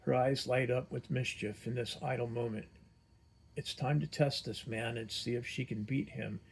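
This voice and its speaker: A man narrating a fantasy adventure story in a measured storytelling manner. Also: mid-range voice, steady tone, creaky, slightly rough. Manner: measured storytelling, voices all characters.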